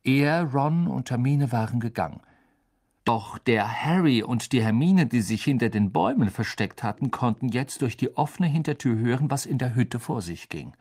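A man narrating a children's fantasy audiobook with expressive storytelling. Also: medium pitch, moderate pace. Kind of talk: scripted narration.

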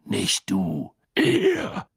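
Man reading as a gruff old wizard, gravelly, slow growl, husky, swings up and down. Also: lowish voice, wildly swooping pitch, no room sound, studio quality, exaggerated voice. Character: gruff scarred old male wizard teacher.

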